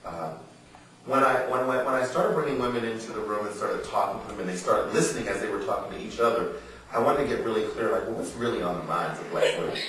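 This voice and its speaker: The American author reads aloud fast in a low yet fairly bright voice, breaking off for informal talk with his listeners at an indoor literary salon. His delivery stays earnest and emphatic, full of rhetorical questions. Heard through a distant mic, the roomy venue echoes around him, and faint noise sits underneath.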